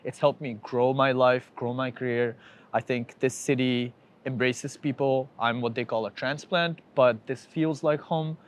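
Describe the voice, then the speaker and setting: A man's voice: medium pitch, fairly even intonation, a little slow. Reflective young man from Bangladesh. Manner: candid and reflective, with frequent fillers. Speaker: podcast guest. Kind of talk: casual interview conversation. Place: home in New York.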